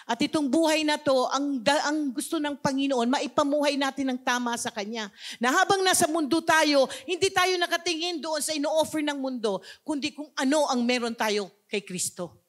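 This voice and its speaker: A woman's voice: high voice, moderate pace. A woman pastor with a Filipino accent preaching a sermon, switching between languages and asking the congregation questions. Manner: mixes two languages, asks the congregation questions.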